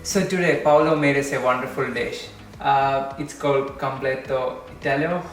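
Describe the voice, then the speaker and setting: A man's voice: mid-range voice, steady tone, moderate pace, faint music behind. A man hosting a food segment, cheerful and reacting with short interjections. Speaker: segment host.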